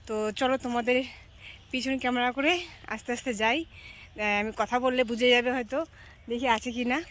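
A woman's voice: fairly high pitch, fairly even intonation, brisk, a little hiss or hum. Chatty woman vlogging outdoors. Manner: chatty, addresses viewers as friends, often asks "okay?"; drops to a hushed voice at times while sneaking up. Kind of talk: casual vlog talk to viewers. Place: outdoors in a bamboo grove and fields. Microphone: phone camera.

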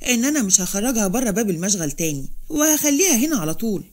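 Egyptian workshop owner woman, stern, placating, fast-talking, as a woman reads her. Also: medium pitch, animated, darkish tone, lightly acted. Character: workshop owner woman, pleading then scolding.

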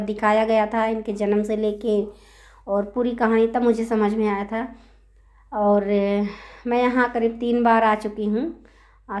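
An Indian woman vlogger narrates a temple visit in a casual voice-over recorded separately, chatty and full of fillers. Her voice is a little high and a little mellow, and a sore throat brings an occasional cough.

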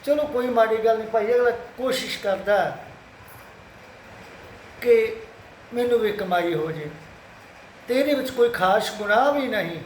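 A man from Punjab speaks to his followers in a high voice, consoling and exhorting them and repeating his pleas. His voice rings in an echoey room. A faint ambient noise sits underneath. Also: a little slow, long pauses. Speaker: Sikh social media speaker. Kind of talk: earnest address to followers.

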